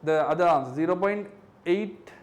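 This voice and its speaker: High-voiced man tutoring exam questions. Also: normal speed. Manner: keeps checking understanding with tag questions; works through figures step by step. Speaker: physics tutor. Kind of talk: exam question review lesson.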